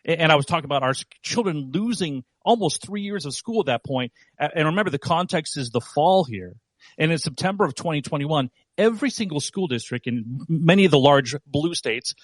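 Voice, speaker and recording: A man's voice: fairly high pitch, fairly bright tone, dry recording. A man speaking as a guest on a live audio chat, explaining his own posts with many restarts and repeated words. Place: lives in San Diego.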